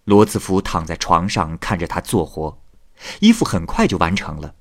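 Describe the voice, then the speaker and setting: A man's voice: low-pitched, moderate pace. A man narrating a classic tale expressively, voicing each figure himself. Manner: expressive, lively, voices every figure. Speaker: storyteller.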